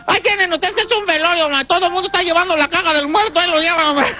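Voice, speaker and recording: A very high, bright-voiced man with a Mexican accent rambles through a comedy sketch monologue, laughing at his own jokes. Light music plays behind him. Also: rapid-fire.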